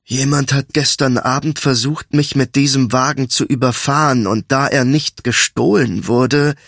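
A man's voice: medium pitch, steady tone, creaky, fairly bright tone, no echo, clean studio sound. A man doing a cold, menacing thief. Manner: slow, deliberate and threatening, then snapping. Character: cold, menacing male thief, quietly dangerous. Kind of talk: audiobook character voice.

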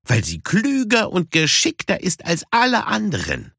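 A man voicing a small, proud grey female cat who is quick to scoff, in a storybook reading. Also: on the high side, wildly swooping pitch, gravelly, fairly bright tone, slightly rough, no echo, studio quality, pitched above the performer's own voice, exaggerated voice.

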